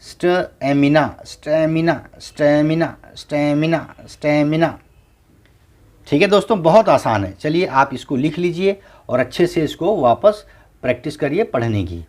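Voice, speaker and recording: A man teaching English phonics in a slow classroom lesson, spelling each word out letter by letter and repeating it. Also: fairly high pitch, expressive, darkish tone. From India.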